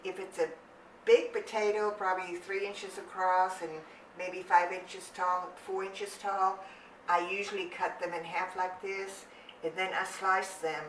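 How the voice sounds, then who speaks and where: An older woman from Rhineland-Palatinate, Germany, runs a home cooking channel and walks through a family recipe step by step in a chatty, homey casual demonstration. Her mid-range, slightly bright voice shows little pitch movement and a measured pace. Recorded in her home kitchen, she sounds distant in an echoey room with a little hiss or hum.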